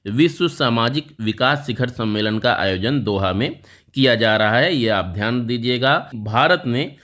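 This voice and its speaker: A man at a middle pitch for his voice gives a current affairs lesson as a voice-over for exam students. He explains step by step in a patient, repetitive teaching manner and keeps stressing which facts to remember. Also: lively intonation, normal speed, fairly bright tone.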